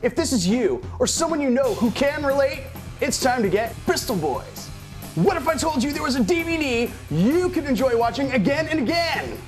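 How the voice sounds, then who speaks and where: A man in his thirties hosting an infomercial with an exaggerated, emphatic sales pitch delivery. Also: big pitch swings, moderate pace, faint music behind. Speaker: infomercial host. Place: small indoor room, speaking to camera.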